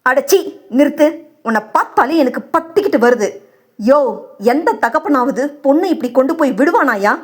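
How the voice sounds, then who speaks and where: A woman's voice: high-pitched, animated, moderate pace. A woman voicing an angry young husband who scolds harshly in an audio novel. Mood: furious.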